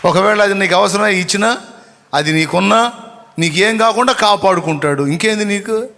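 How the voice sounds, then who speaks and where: Male pastor, higher voice, exhorting sermon delivery that swings from loud calls to hushed asides, recorded in a reverberant church. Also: normal speed, gravelly, some chatter behind. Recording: long reverb of a church hall.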